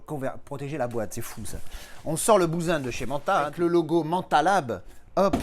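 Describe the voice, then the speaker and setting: A man's voice: on the high side, a little hiss or hum. A man casually chatting through an unboxing vlog, jokey and a little profane, talking while he handles and opens the packaging. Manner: jokey, animated, casually swearing. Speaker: collector unboxing a film edition.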